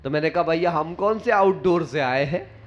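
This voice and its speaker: A man's voice: on the high side, expressive, moderate pace, dull audio. A male monk giving a sermon, full of rhetorical questions to his listeners and playful imitations of people from his anecdotes. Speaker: monk preacher.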